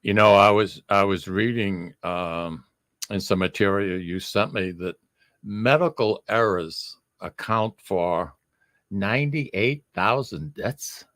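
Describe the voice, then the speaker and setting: A man's voice: fairly low pitch, slow pace, fairly bright tone, no room sound, clean studio sound. A man hosting a podcast, chatty and joking with his guest. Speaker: podcast host. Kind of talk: casual podcast interview.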